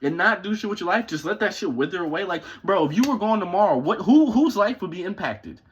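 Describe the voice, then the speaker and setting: A man's voice: sits high, expressive, fast, husky, dull audio. A man in his twenties delivering a profane, confrontational motivational rant at home, swearing constantly. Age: 20s. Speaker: vlogger. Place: his parents' house.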